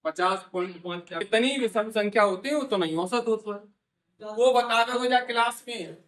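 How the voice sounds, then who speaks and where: A man's voice: high-pitched, unhurried, fairly bright tone. A man with a teaching a maths class, quizzing students and repeating their answers. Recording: echoey room, voice from far off mic.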